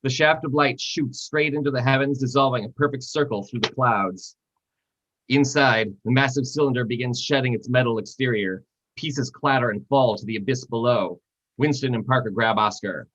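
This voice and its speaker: A man narrating screenplay stage directions at a live reading, steady and descriptive. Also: mid-range voice, normal speed. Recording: dull lo-fi sound.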